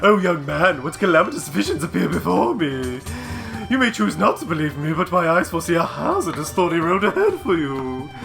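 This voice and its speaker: A man voicing a creepy mystical fortune teller, intoning ominous lines slowly and theatrically as he reads out a video game. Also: a little high, sing-song, creaky, music in the background, pitched above the performer's own voice. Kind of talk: hammy game character read-aloud.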